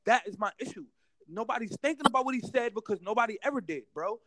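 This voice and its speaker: A man's voice: sits high, lively intonation, fast talker, bright, forceful tone, no room sound. A young American man in a heated casual debate, emphatic and repetitive, full of slang and constantly saying bro.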